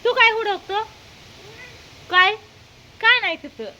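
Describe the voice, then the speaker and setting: A woman's voice: very high voice, takes it slowly, pushed and bright, dull audio. A woman chatting casually in a home vlog outdoors, coaxing her pets in a sing-song voice. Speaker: vlogger. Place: outdoors at a house doorway, windy and rainy. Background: faint wind and rain.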